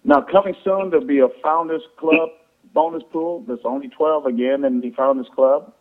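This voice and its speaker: A man giving an informal sales presentation to affiliates on a conference call, explaining in a halting, repetitive way with false starts. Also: on the high side, fairly even intonation. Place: conference call over the phone. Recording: tinny, band-limited phone conference line.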